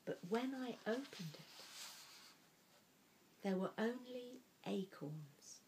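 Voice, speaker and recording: A woman storyteller reads a picture book aloud slowly, her voice sitting in the middle range. She speaks expressively and deliberately, letting some phrases trail off into a hush. The recording is poor, with a faint hiss or hum.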